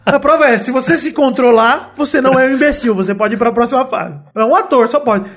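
A young man rattles through a story at a quick clip. He is animated and slangy, laughing through his own anecdote in a casual chat. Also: extremely high pitch. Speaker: guest storyteller.

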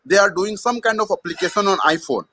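A man's voice: high voice, quick pace, pushed and bright, slight background noise. A man with an Indian accent tells his own story conversationally as an interview guest, hesitating often and slipping between English and Hindi. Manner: hesitant, frequent mid-sentence Hindi switches. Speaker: startup co-founder, interview guest.

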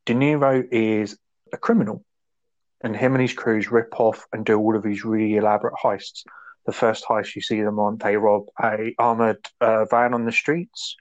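A man's voice: on the low side, little pitch movement, moderate pace, dull audio. A man casually chatting about a film, enthusiastic and rambling. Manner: enthusiastic, rambling, acts out quotes. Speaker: podcast co-host. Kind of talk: casual film review chat.

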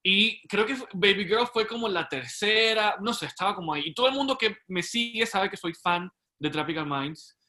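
A man's voice: sits high, expressive, normal speed, sharp tone. A man hosting a casual interview, an enthusiastic fan who stumbles through restarts as he asks questions.

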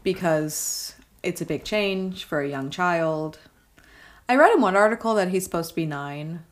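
Brief: woman podcast co-host, slightly low voice, talkative, filler-heavy, keeps asking "right?". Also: lively intonation, moderate pace. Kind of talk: casual film discussion chat.

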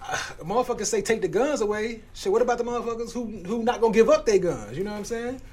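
A man's voice: high-pitched, expressive, quick pace, a little mellow, a little hiss or hum. A man from Chicago hosting a casual, profane group chat, laughing often as he talks. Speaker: podcast host.

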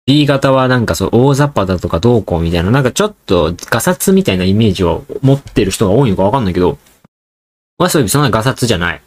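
A man's voice: fairly low pitch, expressive, very fast. A man hosting a casual solo podcast, rambling and joking as he talks straight to his listeners. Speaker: podcast host.

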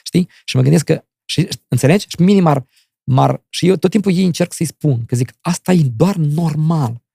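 Gravelly man telling stories. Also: on the high side, dry recording, clean studio sound. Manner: animated storyteller who acts out dialogue. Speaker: guest, actor. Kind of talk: casual interview chat.

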